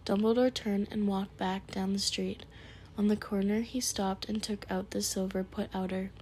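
A woman reads a storybook aloud in a gentle, hushed whisper. Her pitch sits in a middle range. A faint hiss of background noise runs underneath. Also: flat delivery, normal speed. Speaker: storyteller reading a book aloud.

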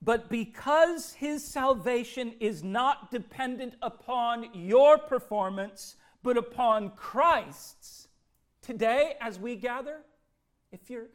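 A pastor preaching an impassioned sermon, swinging from hushed, tender passages to loud, ringing declarations. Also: male voice, very high voice, animated, slow.

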